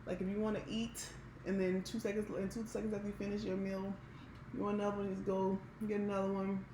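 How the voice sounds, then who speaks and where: A woman's voice: medium pitch, level tone, fast talker. A woman with an American accent chatting casually and candidly to viewers as a vlogger, with an emphatic way of talking. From Maryland, United States. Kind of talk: casual mukbang chat to viewers. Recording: roomy echo with background hiss.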